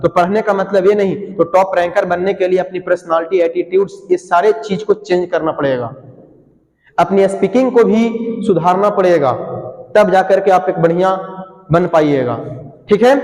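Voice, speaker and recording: A man with a high voice teaches English grammar to a class, asking the same question again and again and answering it himself to drill the pronunciation. His voice rings around an echoey room with a long reverb tail. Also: a little mellow. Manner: drills pronunciation with repeated call-and-response questions.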